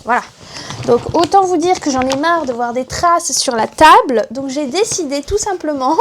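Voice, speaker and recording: A woman's voice: sits high, lively intonation, moderate pace, a bit bright, a little hiss or hum. A young woman, a mother, chatting casually in a home vlog, showing her purchases and searching for words, dropping in English terms. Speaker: family vlogger.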